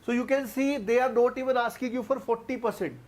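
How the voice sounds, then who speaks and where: Speaking a little fast, this young online exam-prep teacher has an extremely high, darkish voice and a steady tone, with an Indian English accent. He walks students through each step, keeps repeating himself, and addresses them as "guys."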